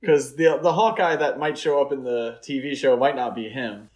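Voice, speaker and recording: Co-hosting a podcast, this man talks films casually with a relaxed, joking, conversational manner. He has a medium-pitched, darkish voice and a moderate pace.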